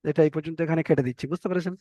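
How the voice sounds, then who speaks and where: Guy teaching tajweed on a video call, kinda high voice, repeats every rule slowly, dry close mic. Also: steady tone, mellow, no room sound. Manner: explains slowly, repeats each rule and sound. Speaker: Quran recitation teacher. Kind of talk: online tajweed lesson.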